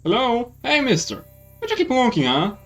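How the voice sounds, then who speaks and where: Man doing a country boy, game character, folksy boastful drawl, high lively voice. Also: moderate pace, distant mic, soft background music, heavily acted. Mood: cheeky.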